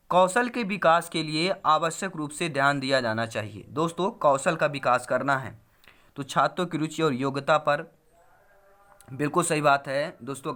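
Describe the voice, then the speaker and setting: Bright, somewhat high-pitched male tutor who explains answers step by step and repeats key points. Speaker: teacher. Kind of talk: exam-prep lesson.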